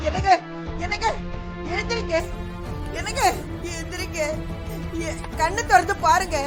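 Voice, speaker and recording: Frantic sobbing wife. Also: female voice, very high voice, measured pace, soft background music. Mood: panicked crying. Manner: crying, pleading, repeating herself. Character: frantic wife trying to wake her fainted husband. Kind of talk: TV serial acting.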